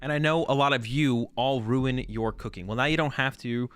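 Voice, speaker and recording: A man's voice: mid-range voice, moderate pace, fairly bright tone, smooth. A young man chatting casually on a live stream, joking around in a slangy, self-mocking way as he rambles through a sponsor read. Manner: laid-back, joking, slangy with dude and bro. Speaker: card game streamer.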